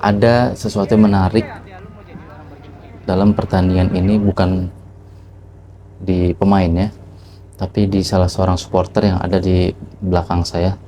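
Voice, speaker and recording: A man's voice: low voice, level tone, a little slow, pauses often, warm tone, a little hiss or hum. A man telling a reflective motivational story to the camera, asking rhetorical questions as he goes. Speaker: vlogger.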